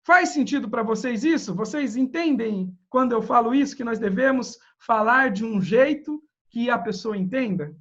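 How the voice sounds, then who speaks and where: A man's voice: very high voice, normal speed, hardly any pauses. A man with a Brazilian accent giving an online lecture on public speaking, talking straight to his audience and acting out quoted dialogue. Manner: lively, addresses audience directly, acts out quoted dialogue. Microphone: video call. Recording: dull lo-fi video call audio.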